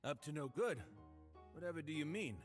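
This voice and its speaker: Casting: man playing a courtly, unsettling game bartender, lively polite lilt, faint music behind. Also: on the high side, brisk, natural voice. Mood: genteel. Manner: genteel and polite, oddly eager. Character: suave, courteous male hotel bartender who collects ears. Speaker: game character.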